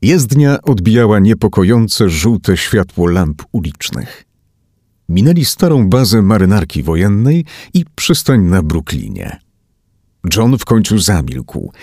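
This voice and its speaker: A man reading a thriller audiobook aloud as narrator, in an expressive, dramatic manner. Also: low-pitched, husky, no room sound, studio quality. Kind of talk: scripted narration.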